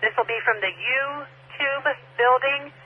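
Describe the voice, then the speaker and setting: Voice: sits high, a little slow, very noisy. A police dispatcher relaying reports in short, factual phrases over police radio. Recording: tinny, phone-like police radio.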